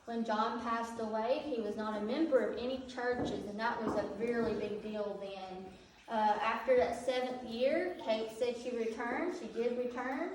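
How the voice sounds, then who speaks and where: A woman's voice: on the high side, normal speed, a little mellow. A woman with a Southern US accent telling local stories informally as a tour guide inside a cave. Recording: echoey cave, distant mic, faint noise.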